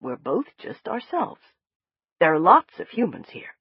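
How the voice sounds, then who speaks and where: A gentle male doctor reassures a scared patient in a soft, steady way, as a woman narrator voices him. The delivery has a slightly breathy tone with animated pitch. The recording is dry and a little dull. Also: a little slow, no room sound, exaggerated voice. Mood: soothing. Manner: soothing, reassuring. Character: calm, gentle male doctor, middle-aged.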